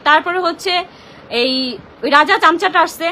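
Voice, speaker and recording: A woman's voice: very high-pitched, bright, forceful tone, a little hiss or hum. A young woman with a Bangladeshi Bengali accent ranting on a live stream, agitated and confrontational, speaking into her phone. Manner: agitated, confrontational, rapid complaining. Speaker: social media livestreamer. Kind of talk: emotional live-stream rant.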